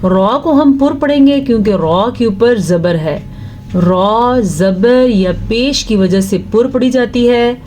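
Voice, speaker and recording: A woman's voice: on the high side, lively intonation, mellow, slight background noise. Patient woman teaching Quran recitation. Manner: patient explaining teacher, slow drawn-out recitation. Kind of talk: tajweed lesson with recitation.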